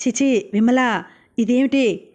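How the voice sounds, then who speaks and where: A woman voicing an earnest friend who gently scolds and mediates. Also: fairly high pitch, takes it slowly. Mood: reproachful. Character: calm, reproachful woman friend, patient mediator.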